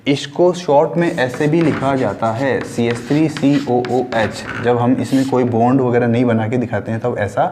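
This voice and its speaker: A male chemistry teacher talks through a lesson at a middle pitch, asking his students questions and answering them himself. He mixes in English terms and repeats key words slowly. A faint hiss sits under his voice. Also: steady tone. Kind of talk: classroom lesson.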